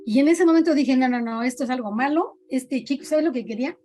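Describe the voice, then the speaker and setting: A woman's voice: high-pitched, fast, warm tone, a little hiss or hum. A middle-aged woman with a Mexican accent, telling her own eerie experiences in a casual chat and acting out the voices she quotes. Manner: dramatic storyteller, acts out quoted voices. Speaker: podcast guest sharing experiences.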